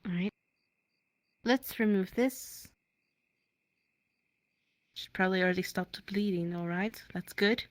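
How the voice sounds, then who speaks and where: Playing a town medic caring for a wounded hunter in improvised dialogue, this woman sounds hesitant yet matter-of-fact. She has a medium pitch, speaks a little slowly and pauses often, with no echo in the recording.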